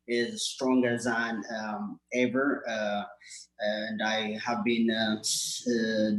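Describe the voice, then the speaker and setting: Male speaker with an Ethiopian accent giving a hesitant acceptance speech, slow pace, roomy echo. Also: mid-range voice. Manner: halting, many fillers and restarts. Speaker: nurse practitioner, award recipient. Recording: echoey room.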